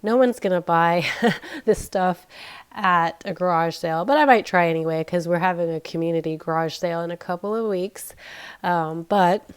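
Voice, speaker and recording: A woman in her thirties, getting over an illness, talks casually while unboxing things at home, her voice smooth yet nasal and crackly, lowish and at a moderate pace. She's chatty and self-deprecating, thinking aloud as an unboxing vlogger. The camera points down at the items on a carpeted floor indoors, with her off-screen.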